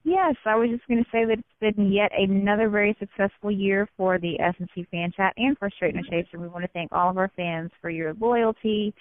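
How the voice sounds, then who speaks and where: A woman's voice: mid-range voice, a little fast, hardly any pauses, no room sound. A woman co-hosting a podcast, speaking earnestly and thanking listeners in a casual chat. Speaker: podcast co-host. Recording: tinny phone-line sound, dry.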